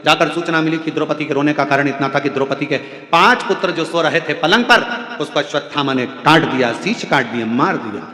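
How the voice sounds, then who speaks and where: Man preaching to a crowd in an echoey hall. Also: fairly quick. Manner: sing-song preaching, voice swings from loud exclamations to soft low passages; asks the crowd questions. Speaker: religious storyteller. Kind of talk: devotional sermon. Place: large venue with audience. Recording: echoey hall with faint music.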